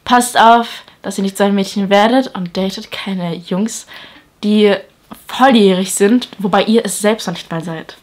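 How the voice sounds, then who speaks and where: A woman's voice: medium pitch, a little slow. A young woman hosting a vlog, talking casually and directly to her viewers with advice. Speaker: vlog host. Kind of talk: casual storytime chat.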